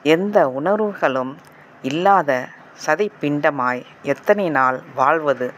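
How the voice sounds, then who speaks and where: A man narrating a novel as an audiobook in a calm, measured storytelling manner. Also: fairly high pitch, a little hiss or hum.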